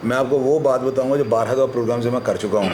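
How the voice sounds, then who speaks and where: A man's voice: medium pitch, fast, a little mellow. A man with a Pakistani Urdu accent, a senior crime analyst explaining legal points in an emphatic, lecturing way on a talk show. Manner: lecturing, emphatic, frequent filler 'jo hai na'. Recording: echoey room with faint noise.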